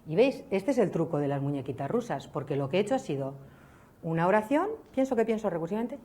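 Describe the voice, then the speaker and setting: A woman giving a lively public science lecture, often checking in with her audience. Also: lowish voice, fast talker. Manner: lively, chatty, addresses audience with ¿vale?. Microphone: speaking to a hall audience.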